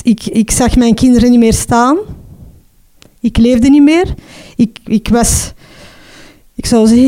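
A middle-aged Flemish woman telling her own story as a mother, emotional and halting, often restarting and adding "hè". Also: fairly high pitch, mellow. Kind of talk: personal testimony.

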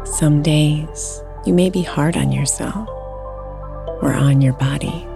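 A woman with a low, unhurried voice guides a meditation, soft and soothing. Calm new-age music plays clearly beneath her.

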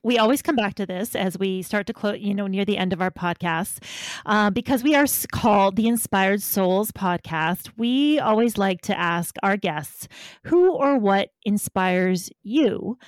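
Woman podcast co-host, mid pitch, measured and plain. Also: no echo. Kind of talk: casual podcast interview.

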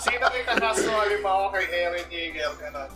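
A man with a Filipino accent co-hosting a casual podcast chat, quick and questioning. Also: high voice, animated, bright, forceful tone, soft background music. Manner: fast, questioning, speaks mostly Filipino. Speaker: podcast co-host.

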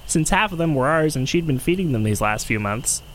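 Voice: medium pitch, lively intonation, brisk, a little hiss or hum, close to an everyday voice. An actor playing a chatty, irreverent tech worker who recounts trouble in a loose, profane way. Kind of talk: audio drama acting.

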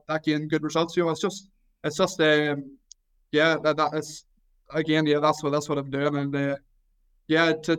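A man in his twenties with a Northern Irish accent from County Down. His voice is smooth and a little high for a man, with a fairly flat melody. He talks casually as an athlete being interviewed, modest and hesitant, often restarting and repeating his words. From County Down, Northern Ireland. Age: 20s. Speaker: Gaelic football goalkeeper trying out as American football kicker.

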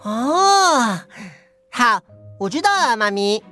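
A woman's voice: on the high side, sing-song, takes it slowly, sharp tone, soft background music, pitched above the performer's own voice, exaggerated voice. A woman voicing a curious little fawn. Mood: eager. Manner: eager, questioning. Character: small curious young fawn. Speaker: narrator voicing characters.

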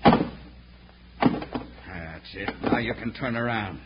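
A man's voice: lowish voice, fairly even intonation, slow. An actor playing a vengeful, threatening American outlaw gunman in an old radio western. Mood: menacing, gloating. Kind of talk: 1950s radio western acting. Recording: dull, faintly noisy old radio recording.

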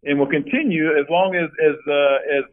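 A middle-aged man talking over a tinny, phone-like line, his voice sitting a little high. He tells stories in a casual interview, often restarting his sentences. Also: normal speed. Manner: storytelling, many restarts, animated when quoting. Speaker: former college basketball player, guest.

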